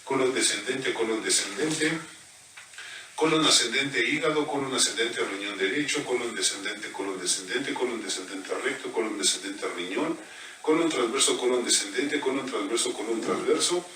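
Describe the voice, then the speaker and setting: A man working as a biomagnetism therapist, reciting pairs of body points in a quick, steady murmur during a live scan. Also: mid-range voice. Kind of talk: rapid-fire live scanning recitation. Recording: echoey room, distant mic, background noise.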